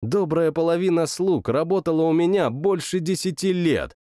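A man's voice: on the high side, normal speed, no echo, studio quality. A man narrating an audiobook in first person, with growled outbursts. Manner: lively, growling outbursts in quoted lines.

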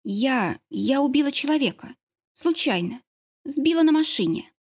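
A woman's voice: high voice, expressive, a little slow, darkish tone, voice pushed up. A woman voicing a hesitant, apologetic young woman with a guilty conscience in an audiobook. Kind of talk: audiobook character reading.

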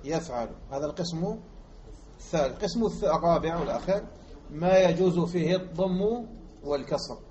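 A man from Algeria teaching Arabic morphology as a lecture, repeating example words slowly and quizzing his listeners. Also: on the high side, warm tone, slight background noise. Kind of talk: classroom lecture explaining grammar. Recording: muffled lo-fi recording.

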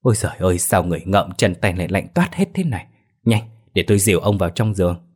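A man's voice: low voice, expressive, quick pace, a little mellow, breathy edge. A man doing a fussing old wife. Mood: worried. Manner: fussing, worried. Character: fussing elderly wife, worried for her husband.

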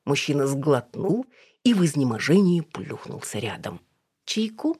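A woman narrating an audiobook in an even, unhurried reading. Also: rumbling low, slightly rough, no echo. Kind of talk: scripted narration.

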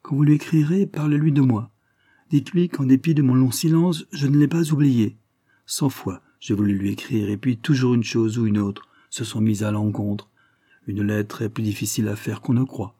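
A man's voice: medium pitch, fairly even intonation, normal speed, dark tone, no room sound, clean studio sound, close to an everyday voice. A man doing a gracious young lady. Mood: warm. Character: gentle, gracious young married woman.

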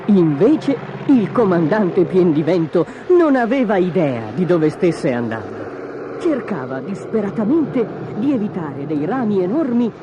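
A woman narrating a children's storybook in an expressive, dramatic way. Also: on the low side, unhurried, background noise. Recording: dull lo-fi audio with music behind.

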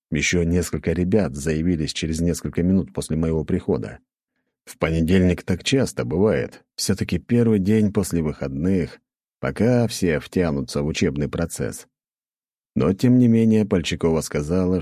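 A man reading a first-person audiobook in an even, matter-of-fact way. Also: low-pitched, no room sound, clean studio sound. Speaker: audiobook narrator. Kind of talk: scripted first-person narration.

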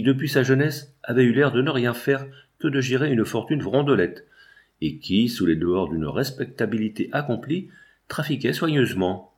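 A male audiobook reader narrating a classic novel. His delivery is measured and literary, at an ordinary middle pitch.

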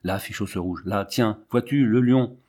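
A man with a lowish, mellow voice at normal speed gives a lightly acted reading of a haunted, half-mad lion tamer. The character is feverish, haunted, and agitated, speaking with hissing, obsessive insistence.

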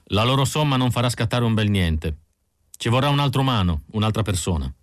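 A man's voice: lowish voice, animated, fairly quick, no room sound, studio quality, lightly acted. A man voicing a cold, calculating male android leader who speaks in a clipped, matter-of-fact way.

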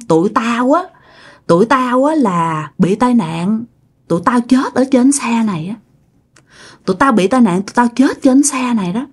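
A woman's voice: fairly high pitch, darkish tone, husky. A woman voicing a bloodied, menacing ghost woman who insists and taunts, with a Southern Vietnamese accent. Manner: demanding, repeats herself, taunting.

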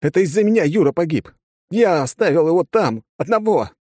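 A man's voice: mid-range voice, expressive, a little fast, dark tone, slightly rough, no echo, studio quality, voice pushed up. A man voicing a stubborn, guilt-ridden young soldier in a clipped, tense way.

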